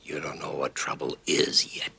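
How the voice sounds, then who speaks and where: Gravelly, very forceful club boss. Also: male voice, very deep voice, level tone, moderate pace, heavily acted. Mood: menacing. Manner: threatening, commanding. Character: furious, imperious male nightclub boss. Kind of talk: noir detective drama dialogue.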